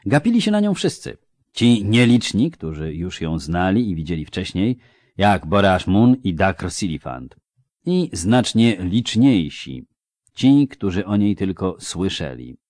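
A man with a deep, low voice reads a fantasy audiobook in measured, dramatic phrasing. The recording is dry and close, with no room sound. He paces the tale steadily. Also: sing-song, a little mellow, dry recording. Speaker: audiobook narrator. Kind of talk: scripted fantasy narration.

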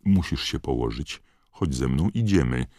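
A man voicing a big, strong man who gruffly reassures and hurries a boy along. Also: very deep voice, lively intonation, moderate pace, mellow, no room sound, studio quality. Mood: urging.

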